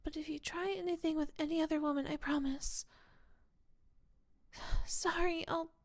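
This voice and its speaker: A woman's voice: very high voice, little pitch movement, takes it slowly, dry recording, full character voice. A woman voicing an obsessive, clingy young elf girl in a whispered role-play, pleading and slipping into whispers. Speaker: ASMR role-play performer.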